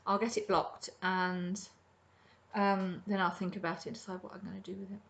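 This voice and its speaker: She's a middle-aged crafting podcaster chatting from her home kitchen, her mid-range voice a bit bright, with vocal fry and little pitch movement. At a moderate pace she rambles through a casual show-and-tell of her projects, full of ums.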